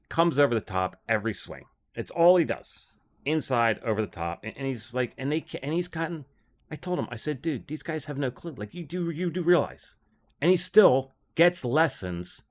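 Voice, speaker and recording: A man who coaches golf, chatting on a livestream in a blunt, rambling, scornful way. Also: medium pitch. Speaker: golf instructor and livestream host. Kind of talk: casual livestream chat.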